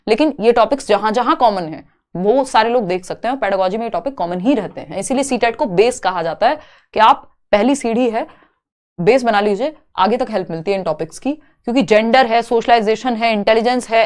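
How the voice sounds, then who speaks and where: Woman teaching an exam-prep lecture. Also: on the high side. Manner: explains step by step, asks and answers her own questions; reads English questions slowly, then explains in Hindi.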